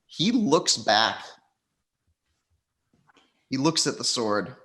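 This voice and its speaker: A man narrating as game master of a tabletop game, in a measured, relaxed way with plenty of fillers. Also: medium pitch.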